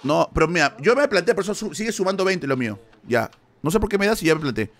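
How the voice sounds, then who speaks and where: A man's voice: high-pitched, animated, quick pace. A man from Peru with a Peruvian Spanish accent, commentating a live stream as he thinks aloud and yelps when things go his way.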